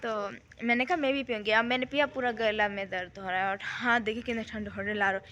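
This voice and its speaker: A young woman with a slightly high voice chats into a handheld phone on an open rooftop at night, with the wind blowing. She keeps talking while she shivers, and her throat is sore. This is an easygoing, casual vlog delivery. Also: fairly even intonation, a little fast, sharp tone, highs cut off. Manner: chatty, talks while shivering in the cold. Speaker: vlogger. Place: rooftop outdoors at night, windy.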